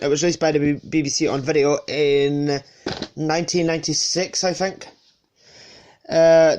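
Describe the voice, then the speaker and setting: A man on the high side of the range, his voice a little mellow, is sniffling through a cold as he shows off his collection. It's casual and unscripted show-and-tell, full of hesitations and self-corrections.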